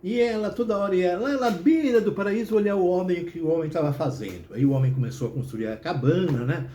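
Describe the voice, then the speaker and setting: A man telling a comic story in a chatty, animated way. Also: high voice, fast talker. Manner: animated, chatty, many tag questions. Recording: roomy echo.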